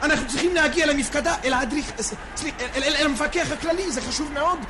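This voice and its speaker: A man's voice: very high-pitched, heavy background noise. An actor playing an anxious, earnest man who pleads and rambles with nervous laughs in a stage drama. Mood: urgent pleading. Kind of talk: theatrical drama acting.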